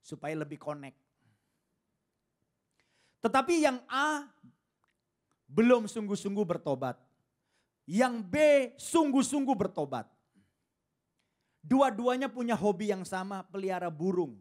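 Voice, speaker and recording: A man preaches in a high, bright-toned voice, building stories with lively swings and casual asides. His delivery keeps leaping up for emphasis, then drops low and quiet. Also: measured pace, long pauses. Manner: animated storytelling, casual asides. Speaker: pastor. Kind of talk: sermon.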